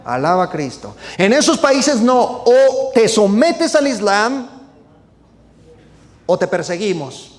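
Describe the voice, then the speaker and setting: A man's voice: high-pitched, very animated, slow. A male preacher, talking in an emphatic sermon style full of rhetorical questions and fillers. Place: United States. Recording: long reverb hall sound.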